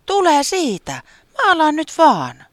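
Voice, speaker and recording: Squeaky weather creature, very high, loud, pushy, boastful, swooping pitch, dry close sound. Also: no echo, exaggerated voice. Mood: insistent. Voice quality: squeaky, shouty and excited. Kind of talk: storybook character voice.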